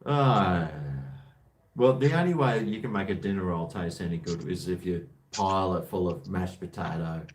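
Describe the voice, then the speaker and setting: A man's voice: low voice, moderate pace. An Australian man hosting a call-in chat, joking with callers in a blokey, slangy way. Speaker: host of a live call-in show.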